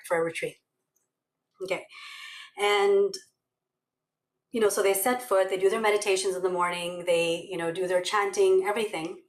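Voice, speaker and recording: Woman, meditation teacher, casual storytelling tone, echoey room. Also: medium pitch. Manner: chatty, many fillers and "okay? right?" check-ins. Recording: roomy echo.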